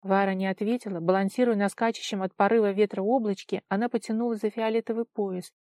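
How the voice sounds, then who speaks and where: A woman narrating a storybook in an even, steady read. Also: medium pitch, quick pace, dry recording, studio quality. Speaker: audiobook narrator. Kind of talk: scripted narration.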